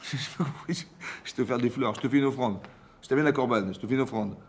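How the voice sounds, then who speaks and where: A rabbi from France teaches a Torah class in a community hall, speaking at a normal speed in a medium-pitched voice. He's lively, acts out dialogues, and often asks his listeners whether they've understood.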